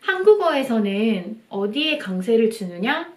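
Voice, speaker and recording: Young woman vlogger, slightly high-pitched and chatty, explaining English phrases; recorded in an echoey small room. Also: big pitch swings, measured pace, far from the mic. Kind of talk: casual explanatory vlog.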